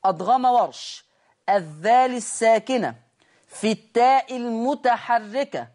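A man with an Egyptian Arabic accent teaching a recitation lesson. He slowly stretches out each recited example, then explains it quickly and checks that his class is following. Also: very high voice, expressive, a little mellow. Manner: addresses the class directly and checks they follow.

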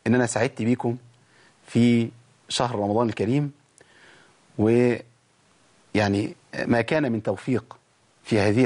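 A man with an Egyptian accent teaching tajweed on a TV show, lively, talking straight to the viewers and drawing out sounds slowly to demonstrate them. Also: mid-range voice. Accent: Egyptian Arabic. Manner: lively explaining, addresses the audience directly. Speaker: Quran recitation teacher.

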